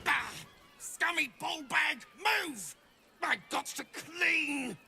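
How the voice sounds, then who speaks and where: An actor voicing a crude, grumpy monstrous cleaner in a video game, blunt and speaking broken sentences. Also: male voice, very high-pitched, animated, very slow, bright, forceful tone, shouting, slight background noise, full character voice. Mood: irritated. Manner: broken grammar, blunt and gruff.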